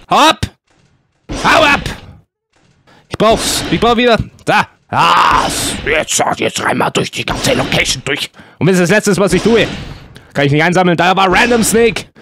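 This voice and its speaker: A man commenting excitedly on a horror game as a let's-play host, exclaiming and yelping often. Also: fairly high pitch. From Germany. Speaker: gaming YouTuber.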